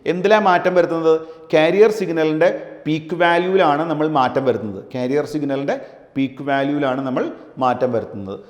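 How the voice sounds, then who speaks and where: A male physics teacher lecturing a class, dictating definitions slowly and asking his students questions. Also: fairly high pitch. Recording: echoey room with long reverb.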